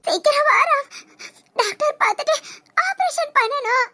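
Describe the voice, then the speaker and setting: A woman's voice: very high voice, expressive, moderate pace, bright, forceful tone, exaggerated voice. A woman voicing a panicked young woman who is crying and pleading urgently in an amateur audio drama.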